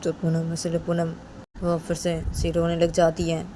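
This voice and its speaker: A woman's voice: deep voice, monotone, moderate pace, mellow, slight background noise. A woman narrating a serial love story in a casual, rambling way, repeating the characters' names constantly.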